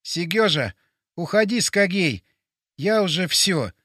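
A man voicing a dying young man who speaks slowly and faintly, turning his r sounds into g sounds. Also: high voice, animated, sharp tone, no echo, clean studio sound, exaggerated voice. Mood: resigned. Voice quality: burred r sounds, r spoken like g. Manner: slow, faint, halting speech. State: dying, barely audible. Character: dying young man, weak, gentle, resigned.

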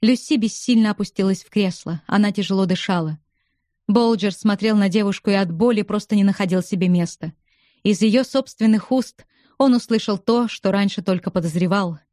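A woman narrating a novel as an audiobook in a steady, even storytelling manner, close to the mic. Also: mid-range voice, moderate pace, dry recording.

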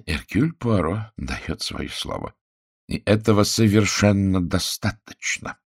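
Guy doing a fussy pompous detective, pedantic, deep voice, dry sound. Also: animated, moderate pace, gravelly, husky, no room sound, exaggerated voice. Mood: measured. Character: fussy precise Belgian detective, middle-aged man.

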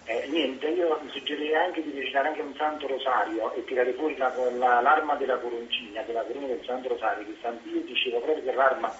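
A man from Naples comes through over the phone line, talking fast and rambling, stumbling and repeating his words as he goes. The call sounds tinny and echoey, with a faint hiss underneath. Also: medium pitch, steady tone, a bit bright. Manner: rambling, halting, repeats himself. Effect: heard over the phone. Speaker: radio caller. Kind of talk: phone-in to a religious radio show.

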